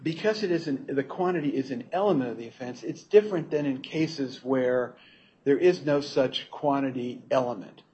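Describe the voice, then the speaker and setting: A man speaks as an appellate lawyer, giving a formal, explanatory legal argument in a somewhat halting way. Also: medium pitch, darkish tone, slightly rough. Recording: dull courtroom recording, faint noise.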